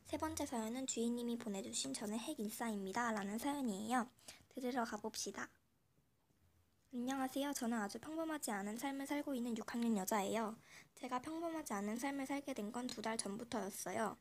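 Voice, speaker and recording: A host reading a listener's story aloud in a radio-style show, voice altered by a voice changer, with steady, friendly reading. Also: mid-range voice, brisk, a little hiss or hum.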